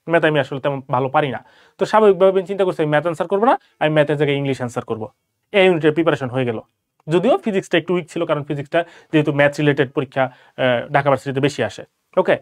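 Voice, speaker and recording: A young man from Bangladesh, a medical student, gives casual live-session advice to exam candidates and keeps checking in with "okay?". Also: fairly high pitch.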